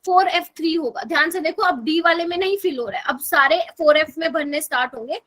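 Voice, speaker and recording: A woman with a high voice teaches a chemistry lesson online. She speaks with a Hindi accent. She walks through each step and keeps asking her students whether they are following. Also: fast, a bit bright. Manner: explains step by step, asks students to confirm with "okay?". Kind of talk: online class lecture.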